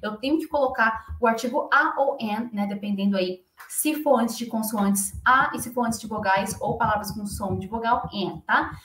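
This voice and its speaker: A woman's voice: on the high side, moderate pace, hardly any pauses, a bit bright, echoey room. A woman with a Brazilian Portuguese accent, an English teacher explaining phrases in a chatty way that keeps checking in with the learners.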